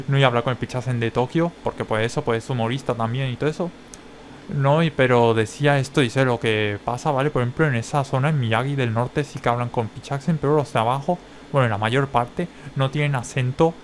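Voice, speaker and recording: A man with a Spain Spanish accent, a vlogger giving a casual, rambling explanation to his viewers. He keeps tagging his phrases with quick checks for agreement. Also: mid-range voice, a little hiss or hum. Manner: rambling, tags many phrases with a questioning check. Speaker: language-learning vlogger.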